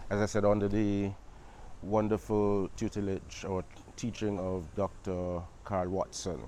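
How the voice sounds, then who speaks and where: Low-voiced archivist, conversational. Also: male voice, darkish tone, slight background noise. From Barbados. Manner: conversational, asides like "you know, right?". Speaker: archivist and academic guest. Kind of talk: reflective interview answer.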